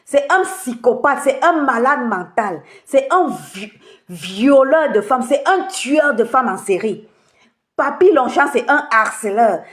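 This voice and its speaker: A woman's voice: high-pitched, roomy sound. A woman hosting a live stream, making an impassioned, emphatic address to her followers and piling up accusations in repeated lists.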